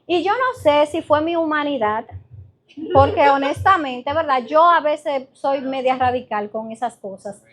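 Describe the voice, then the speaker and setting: A woman pastor preaching a sermon in an earnest, direct way, with lively storytelling. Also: high voice, measured pace.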